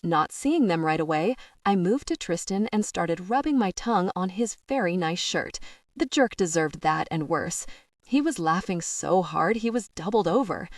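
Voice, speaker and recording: A woman narrates a first-person romance audiobook with wry, expressive storytelling. Her voice sits a little low. The recording is dry and she sounds set back from the microphone. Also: normal speed, no room sound, recorded from a distance.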